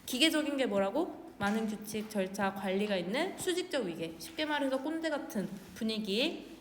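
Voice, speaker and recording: Woman, English teacher, casual explaining, reads English slowly then translates, poses and answers her own questions, reverberant room, faint background hum. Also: on the high side, expressive. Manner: casual, asks questions and answers them herself. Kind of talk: explaining an English exam passage line by line. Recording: roomy, reverberant with faint ambience.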